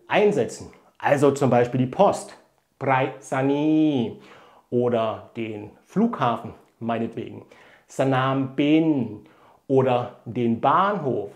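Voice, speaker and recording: A man in middle age leads an online language lesson at a very slow, careful pace. He breaks each word and tone down step by step. His voice sits at an ordinary middle pitch. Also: a little mellow. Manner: slow, careful, spells out words and tones step by step. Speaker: language teacher.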